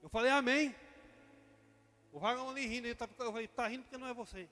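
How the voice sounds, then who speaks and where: High-voiced Brazilian pastor preaching with passion. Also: male voice, very fast, big-room sound, soft background music. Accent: Brazilian Portuguese. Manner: impassioned preaching, swings from loud to quiet. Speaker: vice-pastor. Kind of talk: sermon.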